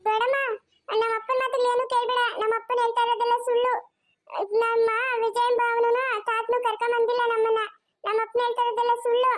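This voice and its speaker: A woman's voice: very high-pitched, level tone, quick pace. A woman voicing a stubborn little girl. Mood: accusing. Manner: insistent, repetitive. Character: stubborn young girl who rejects her father. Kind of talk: cartoon voice acting.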